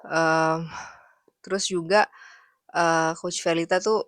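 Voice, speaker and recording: Young woman, lowish voice, reflective casual monologue, hesitant and gentle, dry close sound. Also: steady tone, slow, clear, resonant tone, no room sound. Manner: soft-spoken, thoughtful, many fillers. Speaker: English teacher and vlogger.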